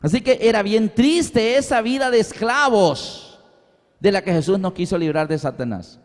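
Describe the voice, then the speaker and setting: Male preacher, high voice, animated storytelling sermon, long reverb. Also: moderate pace. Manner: animated storytelling, acting out dialogue.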